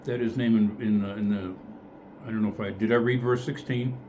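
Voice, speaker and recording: A man's voice: on the low side, steady tone, brisk, a little mellow, slight background noise. A man leading a casual group Bible study, thinking aloud in a tentative way and often correcting himself.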